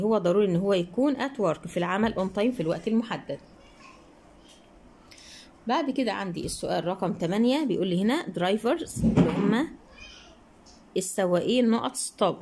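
A young woman teacher with an Egyptian Arabic accent works through an English workbook. She drags out the English phrases word by word, then rattles off the Arabic explanation. Her voice sits at an ordinary middle pitch. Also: darkish tone. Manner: reads English prompts slowly, then explains quickly with rhetorical questions. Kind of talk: exam-answer lesson in Egyptian Arabic.

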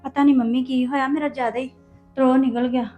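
A woman's voice: high-pitched, flat delivery, brisk, dark tone, soft background music, lightly acted. A young woman playing a hurt, defensive wife who complains and pleads in a family drama. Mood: upset. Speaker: actor in a family web drama. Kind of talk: acted family drama dialogue.

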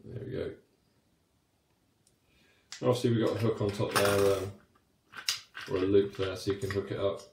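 A man's voice: fairly low pitch, flat delivery, moderate pace, pauses often, roomy sound, background noise. A man in his thirties casually reviewing a camping lantern, chatty and rambling with fillers and restarts. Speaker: cycling light reviewer. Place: small wooden shed, then a home room.

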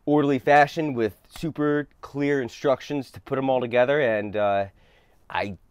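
A young man from New Jersey, a plumber, casually showing off his work van, relaxed and chatty with many fillers. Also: mid-range voice, normal speed, clean tone, no room sound. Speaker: plumber giving a van tour. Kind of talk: casual show-and-tell. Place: inside and beside a work van, outdoors.

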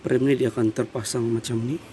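In a casual vlog shot on a handheld phone in a noisy workshop, a man in his thirties with a Malaysian accent walks through a car air-conditioning repair step by step. His mid-range voice is flat and a little fast, and his plain explanation is sprinkled with fillers.

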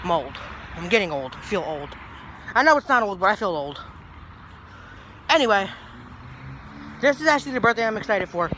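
A young man rambling into a phone camera held low at arm's length outdoors. His voice is high and bright, chatty and easily sidetracked, with faint traffic and outdoor noise behind him. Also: big pitch swings, moderate pace, long pauses. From New Jersey. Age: young adult. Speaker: vlogger. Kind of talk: casual rambling vlog. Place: outdoors by a brick house in a grassy yard.

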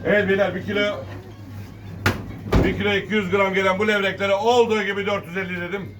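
Sitting high in pitch, his delivery is flat and fast while he works the fish auction, singing out weights and prices over and over to draw bids. It's recorded from afar amid market noise and cooing birds.

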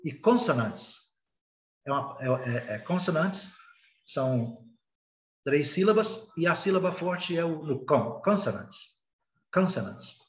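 A man's voice: a little high, expressive, measured pace. Brazilian man, Brazilian Portuguese accent, recorded lesson, echoey room, dull sound. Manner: patient, hesitant explaining with many filler sounds. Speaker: English teacher. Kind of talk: recorded beginner language lesson.

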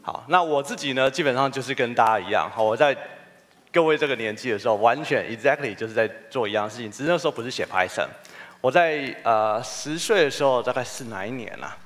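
A man's voice: mid-range voice, lively intonation, fast, fairly bright tone. A man, giving a humorous, story-driven conference keynote. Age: 40s. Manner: humorous, storytelling, self-deprecating. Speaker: keynote speaker. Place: conference hall.

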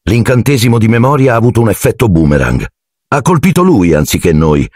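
A man voicing an eager, excitable teenage boy in a storybook reading. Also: on the low side, fairly quick, no room sound, clean studio sound, voice pushed up. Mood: explaining.

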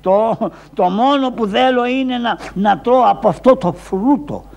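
Karagiozis, squawky shadow-puppet rogue. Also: male voice, gravelly, darkish tone. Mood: dazed, carefree. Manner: high squawky whining voice, stammering. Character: Karagiozis, scruffy cheeky poor Greek man, forgetful. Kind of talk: traditional shadow-puppet theatre voice.

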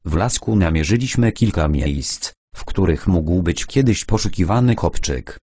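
A young scout from an audiobook, giving a plain, matter-of-fact report, as a male narrator voices him. The tone is low and husky, with a dry, close sound. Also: expressive, unhurried, a little mellow, no room sound, full character voice.

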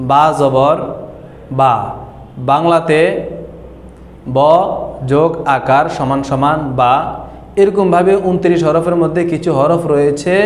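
Man, Quran reading teacher, fairly high voice, patient letter-by-letter explanation, reverberant room. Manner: slow, repetitive explanation, drawn-out letter sounds. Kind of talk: online recitation lesson. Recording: echoey room with long reverb.

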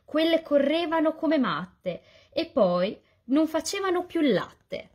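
A woman reading a rhyming children's story aloud as a volunteer reader, in a lively, sing-song delivery. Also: sits high, slow.

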